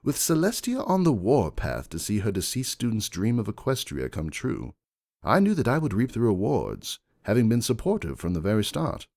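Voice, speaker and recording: In first-person dramatic fan fiction, a man voices a shrewd aristocratic unicorn stallion narrating a fantasy tale. His very low voice has a gravelly creak, and while his manner is measured and refined, his intonation is highly animated. He sounds composed and calculating.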